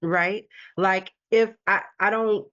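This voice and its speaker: A woman sales coach on a video call, talking with lively, encouraging conviction and frequent laughs. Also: mid-range voice, slow pace, highs cut off. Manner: animated, laughing, preachy encouragement. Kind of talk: casual video call chat.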